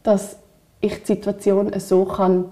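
A woman with a Swiss German accent co-hosts a podcast in a reflective, casual chat, speaking candidly and thinking aloud in long, meandering sentences. Her medium-pitched voice is mellow and flat, delivered at a measured pace.

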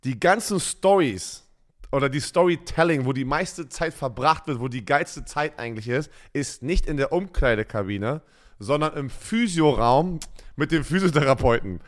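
A German man co-hosting a casual football chat, telling lively stories and laughing often. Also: medium pitch, moderate pace. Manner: animated storytelling, laughs a lot. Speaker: podcast co-host, former football player.

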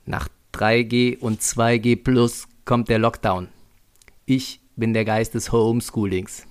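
A man voicing a cold, glitchy digital male ghost who speaks slowly and moaningly. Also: medium pitch, level tone, lightly acted.

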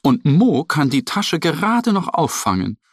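Slow, very expressive male storyteller. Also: a little high, no echo, clean studio sound. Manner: very expressive, sing-song storytelling. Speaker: narrator. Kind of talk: children's story narration.

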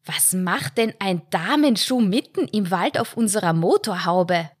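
A woman's voice: mid-range voice, animated, measured pace, husky, no room sound, clean studio sound. A woman reading the lines of a suspicious wife who hisses accusations at her husband. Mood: accusing. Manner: hissing, accusing, threatening. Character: suspicious, sharp-tongued wife.

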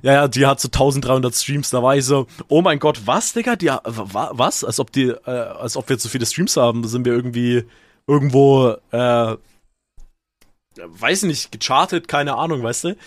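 A man's voice: mid-range voice, moderate pace, dry recording. A young man co-hosting a casual podcast, rambling and stumbling over words. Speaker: podcast co-host. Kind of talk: casual chat.

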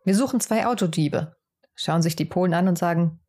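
A woman's voice: lowish voice, a little fast, warm tone. A woman co-hosting a podcast, casually telling jokes and stories, teasing and laughing often. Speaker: podcast co-host. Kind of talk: casual chat and joke telling.

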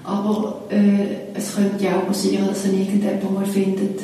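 Lady interviewing, mellow voice, far off the mic in a really echoey room. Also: medium pitch, completely flat delivery, normal speed, a little hiss or hum. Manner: curious, engaged questioning. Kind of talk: conversational interview questions.

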